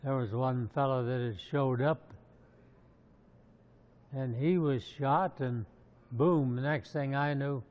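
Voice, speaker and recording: A man's voice: medium pitch, fairly even intonation, takes it slowly, long pauses. An American man in his nineties, a war veteran from Montana, reflectively recalling his past in an interview. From Montana, USA. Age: 90s. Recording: slightly dull interview sound.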